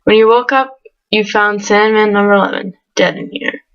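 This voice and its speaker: A woman's voice: medium pitch, fairly even intonation, normal speed, clear, resonant tone, muffled recording. A woman playing a game and reading its text aloud, adding casual comments and often breaking into giggles. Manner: giggly, breaks into laughs between read lines. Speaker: let's play gamer.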